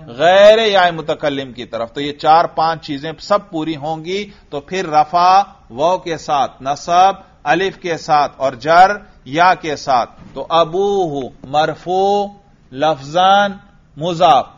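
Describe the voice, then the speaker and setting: Patient male teacher drilling a student; fairly high voice, muffled recording. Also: hardly any pauses. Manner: patient, quizzing and praising the student. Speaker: teacher of Arabic grammar. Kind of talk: classroom grammar drill. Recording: dull lo-fi recording.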